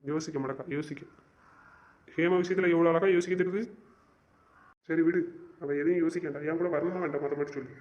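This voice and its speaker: A young man acting as a stubborn, wounded young lover, who rattles off insistent, exasperated complaints at a brisk pace. His voice sits a bit high for a man. The amateur web-drama recording sounds dull and lo-fi. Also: fairly even intonation, natural voice. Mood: frustrated. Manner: insistent, exasperated, repeats himself.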